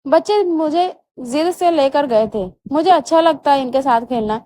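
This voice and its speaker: A woman voicing a sulky young newlywed wife in a storybook reading. She sounds childish and stubborn, close to tears as she argues. The voice is high, with a faint noise under it. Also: animated, a little fast, a little mellow. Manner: pouting, stubborn, tearful.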